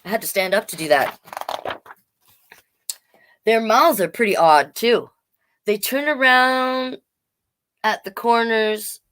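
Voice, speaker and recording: Slow and unhurried, with long pauses, a woman reads a children's picture book in a fairly high, slightly bright, clean-toned voice. She hosts the storytime playfully and expressively, adding conversational asides that explain things to the children.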